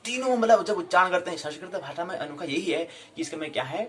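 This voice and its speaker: Guy teaching sanskrit, repeats sounds over and over, bit of a higher voice, faint hiss behind. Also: lively intonation, a bit bright. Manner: drills recitation, repeats words slowly for practice. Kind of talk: classroom lecture.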